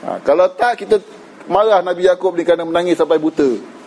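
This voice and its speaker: In a low-quality recording, a high-pitched Malaysian man talks fast with a darkish tone. He's a religious teacher delivering a casual lecture, chatting conversationally, slipping in English words, and repeatedly tagging sentences with "kan?".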